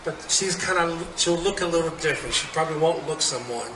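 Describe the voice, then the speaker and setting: A man's voice: on the high side, fairly quick. A middle-aged man chatting from a concert stage between songs, rambling and heartfelt and often laughing. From New Zealand. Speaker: slack key guitarist performing at a festival. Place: concert stage at an arts center. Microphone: stage microphone. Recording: roomy live concert recording from a distance. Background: loud crowd and hall noise.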